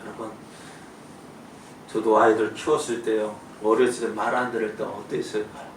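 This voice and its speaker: Preaching pastor in an echoey church. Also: male voice, fairly low pitch, little pitch movement, normal speed. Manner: emphatic preaching, swings between loud pleading and soft asides. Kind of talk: sermon. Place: church sanctuary. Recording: echoey church room from a distance, faint noise.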